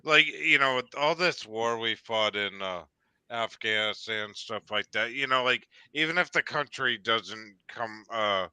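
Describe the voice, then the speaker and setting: A man with a sharp, forceful voice and crisp sound leads a casual discussion. He rambles and hesitates, often searching for words. The sound is dry and close. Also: mid-range voice, a little slow, no echo.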